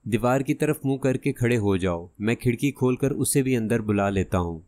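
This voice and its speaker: A man voicing a cunning masked gunman in an audiobook who gives hushed, threatening orders. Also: mid-range voice, animated, natural voice. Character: menacing masked male gunman, cunning and cold.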